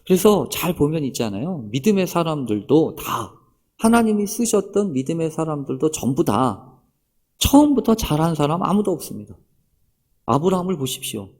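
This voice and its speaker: A man's voice: a little high, sing-song, normal speed, a little mellow. A man preaching a sermon as pastor, speaking straight to the congregation with many rhetorical questions.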